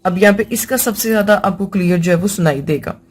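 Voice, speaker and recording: A woman with a Pakistani accent teaching English grammar in a lecture, patiently repeating example words and mixing English terms into her explanations. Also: medium pitch. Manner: patient, repeats example words slowly and often says "theek hai". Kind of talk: classroom lecture explaining vowel sounds.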